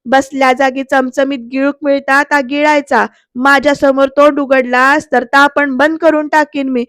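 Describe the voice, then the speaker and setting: Woman reading angry matriarch, yelling, high dry voice. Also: flat delivery, normal speed, no room sound. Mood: scolding angrily. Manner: shouting, scolding. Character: furious stern older woman, household matriarch.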